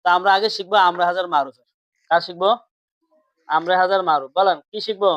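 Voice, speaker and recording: A man's voice: high voice, quick pace, fairly bright tone, no echo, dull audio. A man teaching grammar in class, repeating points and quizzing his students questions.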